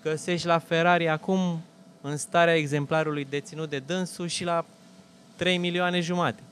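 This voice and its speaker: A man in casual chat, arguing his point emphatically, with a rough, blunt way of addressing his friend. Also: a little high, fairly even intonation, a bit bright, slight background noise. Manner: emphatic, argumentative, calls people "bă" and "mă".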